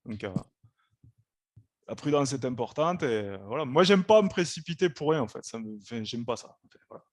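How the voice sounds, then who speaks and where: A man's voice: mid-range voice, brisk, no echo, clean studio sound. A man hosting a live trading stream, giving casual, explanatory market commentary. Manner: relaxed, explanatory, repeats "hein" and "quoi".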